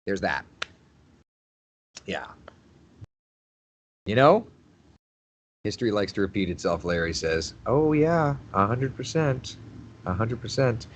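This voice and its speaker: This man in his thirties, a TV meteorologist, is running a relaxed livestream where he chats and reads out comments from viewers, laughing easily and repeating phrases. His voice is low and expressive, slow with long pauses, and there's slight background noise.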